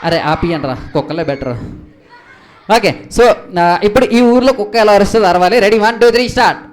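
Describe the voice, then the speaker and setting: A young man acting as straight man in a comic stage skit, questioning his partner with lively exasperation and calling out to the audience. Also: high-pitched, brisk. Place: event stage before a live audience.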